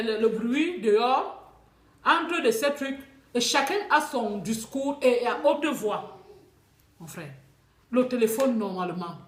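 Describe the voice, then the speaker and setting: A woman with a Cameroonian French accent, telling her own experiences in a lively, unscripted way. She often stumbles and repeats words as she talks. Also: a little high, roomy sound. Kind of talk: casual spoken testimony.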